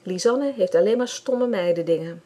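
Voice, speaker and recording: A woman's voice: mid-range voice, moderate pace, dark tone, natural voice. A woman reading aloud, voicing a whiny, stubborn little boy who stammers when upset. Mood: sulky. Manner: sulky, stammering.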